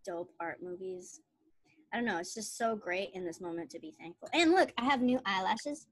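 A woman's voice: medium pitch, lively intonation, moderate pace, dry recording. A woman in her thirties chatting casually on a podcast, telling stories in a bubbly way and laughing often. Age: 30s. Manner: giggly, bubbly storyteller who laughs often. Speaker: podcast co-host. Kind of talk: casual chat.

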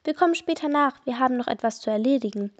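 A woman's voice: sits high, lively intonation, fast. A woman voicing an eager teenage girl detective in a read-aloud story, on a dull lo-fi recording.

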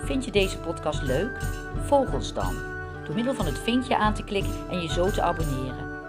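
A woman narrating a historical folk tale in a steady, expressive audiobook reading. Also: lowish voice, normal speed, loud music behind the voice. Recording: echoey room.

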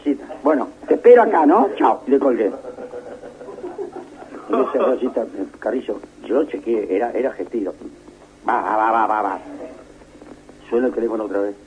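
A man's voice: on the low side, moderate pace, pauses often, narrow, tinny audio. An older man with a Uruguayan Spanish accent, a radio broadcaster telling an anecdote in casual chat and acting out the voices. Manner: lively, acts out the voices in his story.

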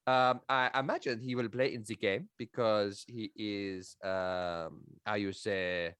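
A man voicing a French football scout with a put-on French accent, halting and searching for words. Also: fairly low pitch, fairly even intonation, a bit bright, smooth, no echo, voice pushed down. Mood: conspiratorial.

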